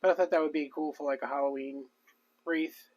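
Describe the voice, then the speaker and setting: A man's voice: a little high, fairly even intonation, fairly quick, lo-fi sound, noisy background. A man chatting casually and rambling with lots of fillers while crafting on a live stream. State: out of breath. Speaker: crafting vlogger.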